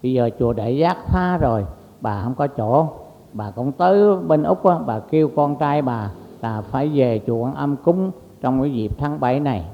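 A male monk gives a rambling, story-filled dharma talk, pausing on fillers and slipping into the voices of the people he describes. His voice sits at an ordinary pitch, and the recording is dull and lo-fi, carried on a long hall reverb. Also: expressive, a little hiss or hum. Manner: conversational, many fillers, acts out quoted voices. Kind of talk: sermon with storytelling.

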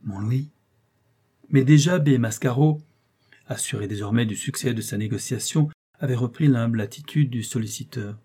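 A man narrating a classic novel as an audiobook, in a measured, low-key storytelling voice. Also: mellow, slightly rough.

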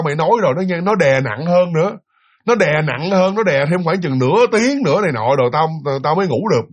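A man voicing a terrified stammering young woman. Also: high voice. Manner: stammering, trembling with fear. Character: frightened young woman student, stammering and pleading.

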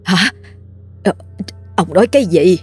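Give me a woman putting on a sharp-tongued older wife scolding her husband, a little breathy. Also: on the low side, lively intonation, a little slow, faint music behind, heavily acted. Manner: scolding, exclaiming.

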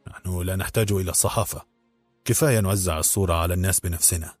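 A man voicing a passionate, sharp-tongued older male activist in an audiobook, with a husky, low voice. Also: steady tone, rapid-fire, no echo, faint music behind. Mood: indignant.

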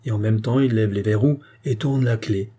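Low, husky male audiobook narrator. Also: normal speed, warm tone. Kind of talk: scripted narration of a historical novel.

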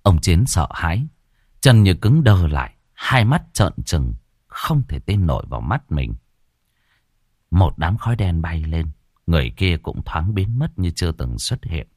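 A man narrating a horror story in an expressive storytelling manner. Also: sits low, measured pace, husky, dry recording, clean studio sound. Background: faint background music.

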